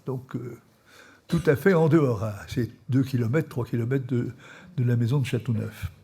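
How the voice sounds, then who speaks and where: A priest giving a spiritual training talk, telling an anecdote with many fillers and soft chuckles. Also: male voice, medium pitch, breathy edge. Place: live session before an audience.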